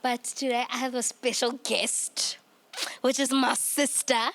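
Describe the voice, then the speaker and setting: A woman's voice: a little high, level tone, measured pace, fairly bright tone. Chatty giggly woman hosting in her twenties. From South Africa. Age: 20s. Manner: chatty, giggly, many restarts. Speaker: podcast host. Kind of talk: casual chat.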